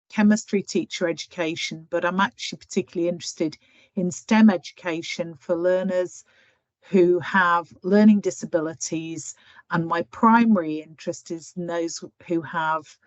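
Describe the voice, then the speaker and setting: A woman's voice: on the low side, no echo. A woman academic giving a seminar talk over a video call, in a chatty, self-deprecating way. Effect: heard over a video call. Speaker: academic presenter. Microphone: computer mic on a video call. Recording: dry, dull video-call audio.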